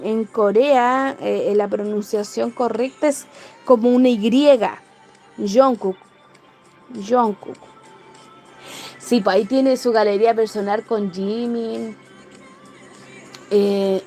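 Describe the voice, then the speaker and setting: A woman's voice: medium pitch, fairly even intonation, slow pace, dark tone, soft background music. A Chilean woman hosting a casual livestream, chatting in a rambling way and greeting viewers by name. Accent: Chilean Spanish. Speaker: livestream host. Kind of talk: casual live-stream chat.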